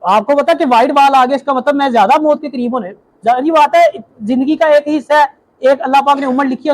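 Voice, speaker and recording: A young man preaching a religious talk, telling stories and asking rhetorical questions. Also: very high voice. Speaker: Islamic preacher.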